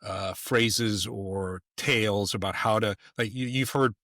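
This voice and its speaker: A man's voice: lowish voice, measured pace, sharp tone, no echo, studio quality. A man talking as a podcast guest in casual conversation, emphatic and rambling, with many restarts.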